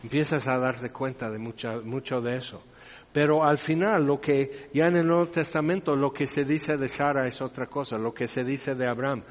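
A man's voice: mid-range voice, fairly even intonation, moderate pace. A man preaching a sermon in a conversational way with wry asides, recorded in a church hall. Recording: reverberant hall, dull lo-fi sound.

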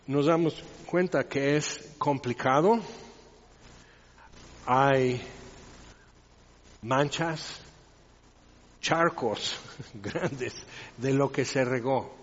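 A man's voice: mid-range voice, drawn-out words, pauses often, slight background noise. Guy preaching in a church hall, chatty and wry, big echo, kinda muffled audio. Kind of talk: sermon. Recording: reverberant hall, dull lo-fi sound.

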